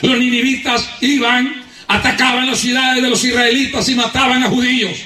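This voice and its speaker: In an echoey church hall recorded from afar, a Honduran-accented man delivers a fervent evangelical sermon. He speaks emphatically at a moderate pace, laughing often as he urges praise and applause. His very high voice stays steady, bright, and forceful.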